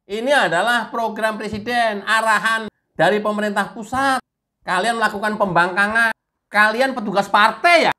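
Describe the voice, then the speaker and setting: A woman's voice: mid-range voice, normal speed, pushed and bright. A woman giving a mocking, emphatic political commentary full of rhetorical questions.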